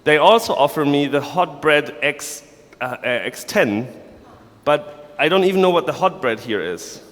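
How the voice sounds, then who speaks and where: A man's voice: on the high side, expressive, unhurried, fairly bright tone. A man from Germany, giving a playful, sarcastic conference talk to developers. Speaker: conference speaker. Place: large conference hall. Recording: long reverb of a large hall.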